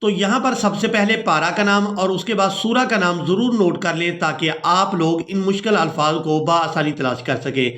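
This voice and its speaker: A man teaching Quran recitation, explaining each rule briskly and spelling out letters one by one. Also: high voice, a bit bright. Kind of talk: step-by-step recitation lesson. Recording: echoey room.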